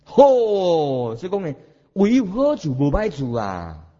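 Animated Taiwanese man preaching, husky voice. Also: a little high, takes it slowly, muffled recording. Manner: animated, demonstrates chanting, asks listeners questions. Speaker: Buddhist teacher. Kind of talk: sermon.

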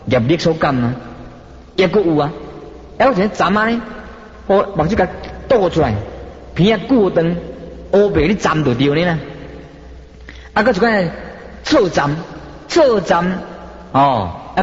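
A man's voice: high-pitched, animated, moderate pace, pauses often. A man preaching a Buddhist sermon in a Taiwanese Hokkien accent, with dramatic, swooping emphasis. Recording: dull echoey hall.

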